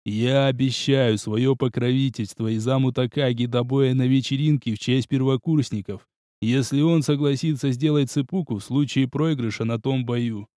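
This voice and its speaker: A man's voice: mid-range voice, steady tone, mellow, dry recording, studio quality, natural voice. A man voicing a stern, cunning male military academy instructor who speaks formally. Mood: cold, formal. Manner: measured, cold, formal.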